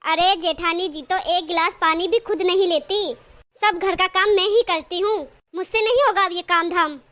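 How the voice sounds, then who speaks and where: A woman's voice: extremely high pitch, steady tone, moderate pace, a bit bright, voice pushed down. A woman voicing an overworked young daughter-in-law in a cartoon who argues back and refuses chores. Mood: defiant. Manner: argumentative, complaining back.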